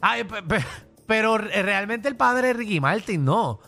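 A man co-hosts a radio show, joking and teasing with a lively, slightly high voice that swings in pitch. Clear music plays behind the talk. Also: unhurried. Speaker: radio co-host. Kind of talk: casual radio banter.

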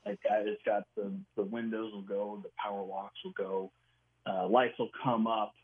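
A man's voice: fairly low pitch, flat delivery, slightly rough. Man on a phone call dropping out. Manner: halting, restarts while explaining. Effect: phone call breaking up and fading out. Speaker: caller. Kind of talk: call-in radio chat. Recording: tinny phone line.

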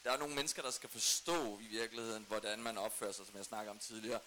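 A man's voice: on the low side, fairly even intonation, sharp tone, slight background noise, rough recording. A man guesting on a talk show, explaining things about football fandom in a hesitant way, with many fillers. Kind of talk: casual talk show chat.

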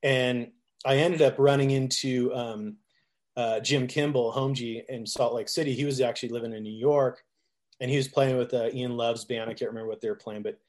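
A man's voice: medium pitch, fairly even intonation, normal speed, a little mellow. A middle-aged man, a musician, telling stories in a casual interview, rambling with restarts, laughing often and acting out quoted lines. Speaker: musician guest.

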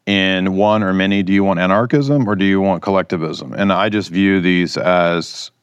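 A man's voice: sits low, moderate pace, smooth, no room sound, lo-fi sound. A man giving casual, conversational political commentary as a podcast guest, explaining his opinions informally.

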